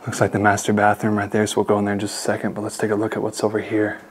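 A young man casually narrating a walkthrough of an empty mansion, talking to his viewers with excitement. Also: on the low side, very fast, a little hiss or hum. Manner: excited, addresses viewers as guys. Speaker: urban explorer vlogger. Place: large empty mansion indoors.

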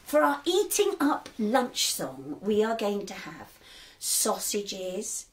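A woman hosting a children's music show, chatting and singing playfully with an animated, sing-song delivery in a garden shed. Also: mid-range voice, takes it slowly. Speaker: children's entertainer host. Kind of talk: cheerful chat and singing for young children. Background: acoustic guitar.

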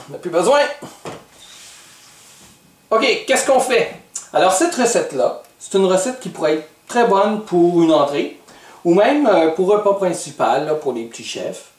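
A man's voice: on the high side, a little hiss or hum. Man, Québécois accent, playful cooking teacher, roomy echo, distant mic. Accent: Québécois French. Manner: playful, teasing, patiently instructive. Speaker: host of a kids' cooking show. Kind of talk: cooking lesson with a child.

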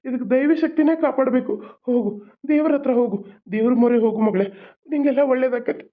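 A woman voicing a kindly village doctor who speaks gravely and soothingly, with a North Karnataka Kannada accent, in a cartoon serial. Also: high-pitched, fast. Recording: lo-fi phone-like sound.

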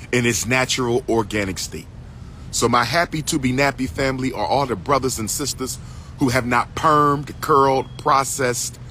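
Filming himself at arm's length in an outdoor park, this middle-aged man gives a fervent monologue to his followers like a lecturer. His pitch is medium and his tone fairly bright; the talk is preachy, emphatic and repetitive, climbing into declamation, with slight hiss or hum present.

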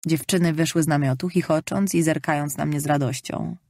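Calm woman narrating an audiobook. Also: low-pitched, no room sound, studio quality. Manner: calm, measured storytelling. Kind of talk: scripted first-person narration.

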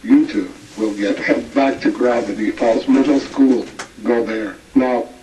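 A man's voice: mid-range voice, fairly even intonation, measured pace, crowd noise, close to an everyday voice. Synthetic male voice as a fed-up stern teacher. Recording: echoey, distant TV-speaker sound.

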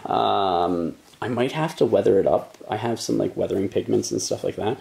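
A man's voice: fairly low pitch, moderate pace, vocal fry, darkish tone. A man, a hobby channel host, unboxing and chatting casually with rambling enthusiasm and plenty of filler words. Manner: rambling, enthusiastic, many ums and likes.

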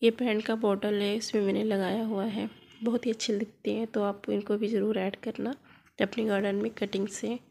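A woman's voice: mid-range voice, flat delivery, moderate pace, vocal fry, a little mellow, husky. A woman vlogger chatting to her viewers as she plants cuttings in her home garden, filming on a phone she holds in one hand. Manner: chatty, addresses viewers as friends. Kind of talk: casual gardening walkthrough. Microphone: phone held in hand.

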